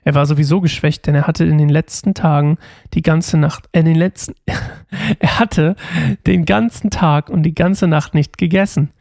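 Guy reading bible stories and explaining casually, high gravelly voice, dry sound. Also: steady tone, normal speed, darkish tone, no room sound. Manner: chatty, with many fillers and colloquial asides. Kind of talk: casual Bible storytelling with asides.

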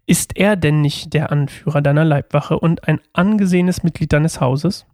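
A man voicing a loyal old high priest who defends himself slowly and earnestly in a scripture reading. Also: a little mellow, no room sound, studio quality, close to an everyday voice.

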